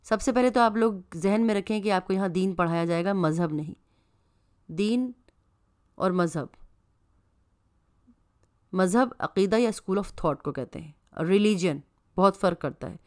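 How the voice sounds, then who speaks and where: A woman's voice: mid-range voice, a little mellow, natural voice. A woman reading the lecture of a female religion teacher, explaining word roots in an instructive tone.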